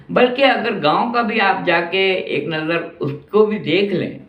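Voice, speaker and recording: This older Pakistani vlogger has a high voice and delivers a slow, nostalgic monologue about his city, reflecting thoughtfully and repeating phrases for emphasis. Prices make him indignant, and the recording has a roomy, dull, lo-fi quality.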